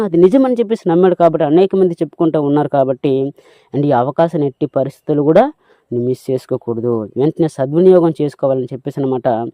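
A man's voice: fairly high pitch, no echo. A man preaching a sermon in an emphatic, repetitive way, often putting rhetorical questions to his listeners. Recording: dry tinny phone-like sound.

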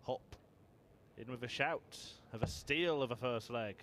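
A man giving measured, understated and informative sports commentary on a darts match. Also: medium pitch, a bit bright, slight background noise.

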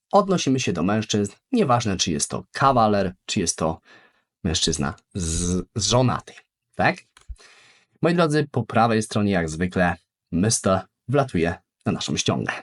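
Slow, animated male language teacher. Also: fairly low pitch. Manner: repeats each word slowly for practice, very lively intonation. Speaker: English teacher. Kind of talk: beginner language lesson.

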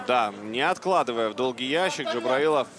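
A man's voice: mid-range voice, expressive, normal speed. A man co-commentating on a fight live, explaining tactics in a conversational, analytical way. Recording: very loud arena crowd behind.

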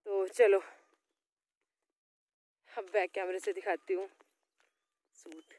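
A woman's voice: mid-range voice, level tone, takes it slowly, dark tone, no room sound. A young woman with a Himachali Pahari accent, chatting casually and rambling to her viewers in a homely vlog. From Himachal Pradesh, India. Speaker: vlogger.

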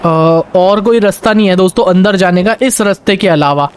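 A young man with a high-pitched voice narrates a video game for his viewers, excitable and chatty. He switches between Hindi and English words as the action goes on. A faint background hiss sits under the recording. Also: normal speed. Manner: excitable, talks to viewers, barks orders in role. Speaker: gameplay commentator.

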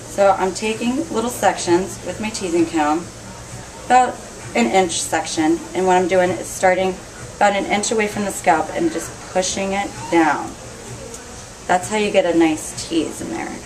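A woman's voice: lowish voice, noisy background. A young woman hair stylist casually explaining a hairstyle step by step while doing her own hair in a salon. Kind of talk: hairstyling tutorial.

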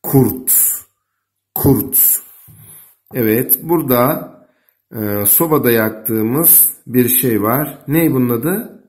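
A man's voice: medium pitch, takes it slowly, a little mellow. A man teaching young children, dictating simple words with repeats and prompting them with short questions. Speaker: primary school teacher and video host.

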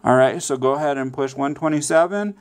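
In a slightly high voice and at a brisk pace, a man leads a relaxed how-to one step at a time. As a tutorial presenter, he keeps checking in with "okay" and "all right."

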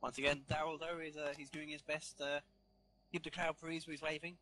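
A man's voice: on the high side, level tone, brisk, bright, forceful tone. A man giving jokey mock sports commentary over a party game. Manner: jokey, playful announcer tone.

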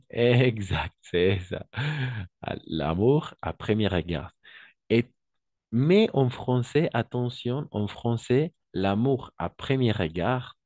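A man's voice: mid-range voice, sing-song, takes it slowly, darkish tone, no room sound, muffled recording. A man teaching French in an online class, patiently repeating each word and translating into Spanish. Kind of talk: online language lesson.

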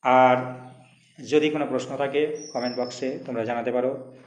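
A man's voice: medium pitch, steady tone, normal speed, a little mellow, roomy sound. A Bengali-accented man teaching a school literature lesson, reading old prose aloud and then explaining it in plain speech with exam questions.

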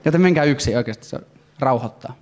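A man performing a stand-up comedy routine on stage, talking in animated, excitable bursts. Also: medium pitch. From Finland. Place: comedy stage before a live audience.

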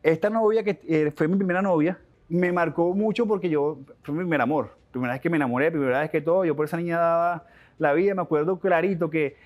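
A Venezuelan man in his young adult years tells his story at a rapid clip, his voice sitting fairly high. He restarts sentences, drops slang and talks with animated feeling as an interview guest. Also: highs cut off. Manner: animated, fast-talking, with frequent restarts and slang.

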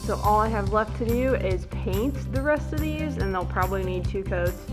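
A woman's voice: mid-range voice, moderate pace, over music. A woman in her twenties casually talking through a painting project, filming herself at arm's length in a basement and garage workshop. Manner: chatty, relaxed, explaining as she works. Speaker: vlogger. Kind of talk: casual DIY vlog. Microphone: handheld camera at arm's length.

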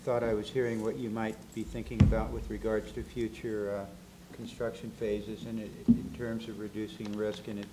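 A man asking questions at a public board meeting, his voice low and flat. He speaks politely and haltingly into a desk microphone, with clear background noise in the hall. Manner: halting, polite, many restarts. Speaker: board vice chair.

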